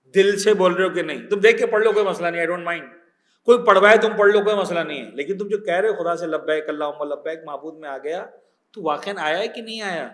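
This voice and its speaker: A man with a Pakistani accent teaching a religious class as a cleric, animated, mixing in English words and checking that his listeners follow. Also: high-pitched, echoey room. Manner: animated teacher, checks understanding with quick questions.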